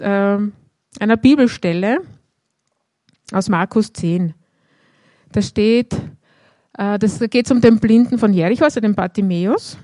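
A woman's voice: fairly high pitch, darkish tone, no room sound. A woman giving a conversational sermon, often adding a questioning "ja" as she explains a Bible passage. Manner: conversational, frequent "ja" tags. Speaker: preacher.

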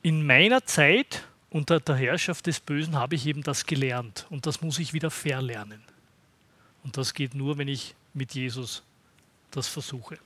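A man preaching a sermon to his congregation in a conversational way, often pausing to ask "Ja?". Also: mid-range voice, sharp tone. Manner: conversational, checks in with the congregation by asking "Ja?".

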